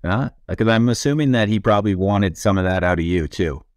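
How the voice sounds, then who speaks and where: Deep-voiced male podcast host. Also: brisk, no room sound. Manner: relaxed, searching questions with fillers. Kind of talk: interview questions.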